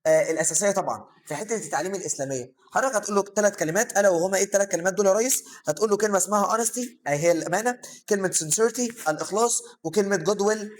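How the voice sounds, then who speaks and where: A young man with an Egyptian accent runs through vocabulary at a brisk clip, his voice sitting fairly high for a man. He poses a question and then answers it himself, with plenty of "aah" filler, like a tutor recording a review session. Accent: Egyptian Arabic. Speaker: English teacher. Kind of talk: vocabulary lesson for secondary students.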